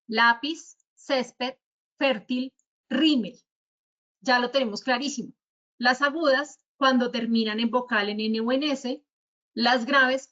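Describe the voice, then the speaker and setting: A Colombian woman with a high voice teaches spelling rules in an online talk. She works through her examples one by one in a patient, didactic way. The audio sounds somewhat dull, like a web meeting. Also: a bit bright. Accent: Colombian Spanish. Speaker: speaker at a virtual talk on writing. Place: virtual conference.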